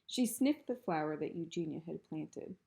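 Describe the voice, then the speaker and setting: A woman reading a children's book aloud in a calm, even storytelling manner. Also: low-pitched, normal speed, vocal fry. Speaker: reader.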